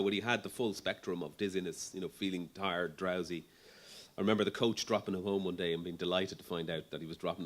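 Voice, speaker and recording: A middle-aged man speaking at a medical conference. He talks in a conversational way, with frequent ums and restarts, and his voice sits on the low side. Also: fairly bright tone. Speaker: neurologist speaker. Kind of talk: conference talk.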